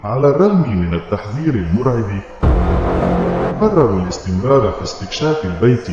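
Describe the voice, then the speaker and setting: A man's voice: mid-range voice, sing-song, brisk, highs cut off. Echo-drenched male horror story narrator. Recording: very echoey, long reverb, music behind. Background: clear music.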